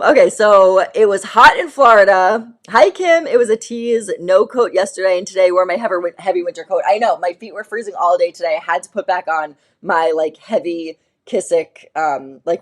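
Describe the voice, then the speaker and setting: A woman hosting a casual live shopping stream, chatty and rambling with lots of fillers as she shows clothes. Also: fairly low pitch.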